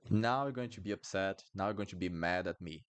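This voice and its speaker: Speaking a little fast in a smooth, low voice, a Brazilian man in Brasilia runs a live online Portuguese lesson with a Brazilian Portuguese accent. He's chatty and apologetic, going over words again for his students.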